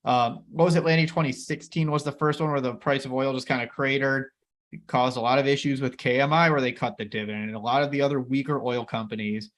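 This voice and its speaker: A man's voice: medium pitch, fairly bright tone. A man in his thirties co-hosting an investing chat, upbeat and joking as he rambles. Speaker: co-host of a dividend investing channel. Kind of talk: casual chat.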